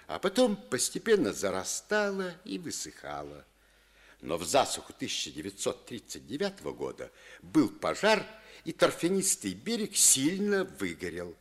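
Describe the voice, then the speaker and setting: An actor playing an expressive, declaiming captain in a radio play. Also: male voice, on the low side. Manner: expressive storytelling read-aloud. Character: captain reading a letter aloud, then shouting orders.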